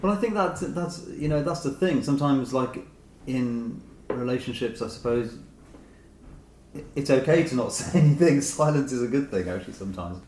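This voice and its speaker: Reflective and tentative, a middle-aged man being interviewed about his writing keeps rephrasing his thoughts. His mid-range voice is expressive and a little mellow, at normal speed, in a roomy, echoing space with clear background noise.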